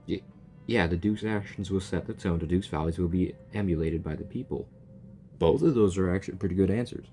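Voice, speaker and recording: Faint game music plays behind this gaming video creator as he reacts to the game he's playing. His deep voice is brisk yet mellow, and his commentary is casual, blunt and full of jokes.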